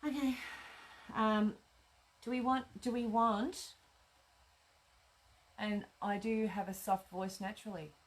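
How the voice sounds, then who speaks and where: A craft shop owner sews on a home livestream captured by a tablet, chatting, muttering to herself, and replying to viewers' comments. Her medium-pitched voice stays steady, and she speaks slowly with long pauses. The audio is rough.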